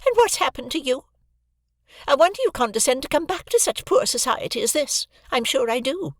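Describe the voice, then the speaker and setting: A sharp-tongued woman snaps in a shrill, scornful voice, played by an audiobook reader. She sits well above the reader's own pitch and pushes each line hard. It is recorded dry and close. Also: animated, fairly quick, dry recording.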